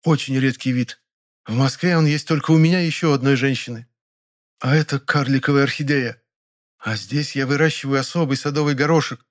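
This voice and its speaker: A man's voice: mid-range voice, level tone, a little fast, voice pushed up, close to an everyday voice. A man voicing an older woman, a proud amateur gardener who boasts and fusses over her plants. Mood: boastful. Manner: boastful, fussy.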